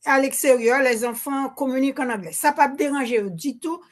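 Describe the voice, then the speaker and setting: A woman's voice: high-pitched, moderate pace. An older woman from Haiti with a Haitian accent, speaking into a handheld microphone at a public Q&A, hesitant, restarting often and mixing Creole words into her French. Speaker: audience member asking a question. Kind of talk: spontaneous remarks at a public Q&A.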